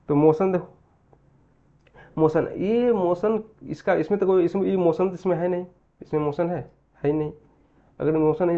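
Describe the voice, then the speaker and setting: A man teaching a physics lesson in mixed Hindi and English, repeating key phrases slowly and answering his own questions. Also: fairly high pitch, dark tone, muffled recording. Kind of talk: Hindi-English mixed exam-prep lecture.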